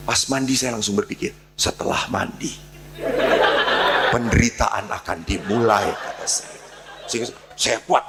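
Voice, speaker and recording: Gravelly priest telling a story. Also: male voice, lowish voice, noisy background. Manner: animated storyteller, acts out dialogue. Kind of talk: storytelling sermon.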